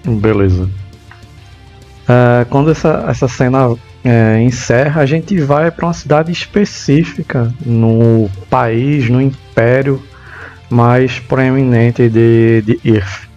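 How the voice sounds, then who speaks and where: A man narrating a tabletop role-playing session as game master, telling the players what they see and feel. His voice sounds slightly dull and lo-fi, with soft music playing behind him. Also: medium pitch, takes it slowly. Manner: descriptive second-person narration with frequent restarts. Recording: dull lo-fi voice with faint background music.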